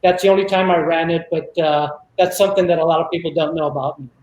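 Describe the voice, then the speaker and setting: Brief: jovial man, high voice, roomy echo. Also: fairly even intonation, quick pace, a little mellow, muffled recording, a little hiss or hum. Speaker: podcast guest.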